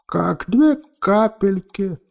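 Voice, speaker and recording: A soft, tender old woman, as a male storyteller puts her on, her voice raised a little and hushed. She talks fondly and tearfully in a mellow, warm tone, like a grandmother in a storybook. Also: on the high side, slow. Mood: wistful. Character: old woman, emotional, gruff yet tender.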